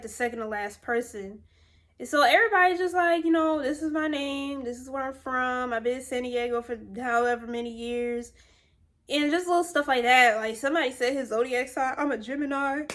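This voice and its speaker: A woman in her twenties from Virginia chats her way through a personal story. Her voice sits a little high, and her telling is loose and rambling, packed with fillers and side comments. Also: fairly quick, fairly bright tone. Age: 20s. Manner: rambling and chatty, with many fillers. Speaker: vlogger. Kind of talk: casual storytime.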